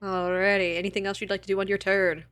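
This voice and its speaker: A woman's voice: medium pitch, flat delivery, fast, a bit bright, clear, resonant tone. A woman acting as game master, narrating a tabletop game in a casual way with easy laughs between rules calls.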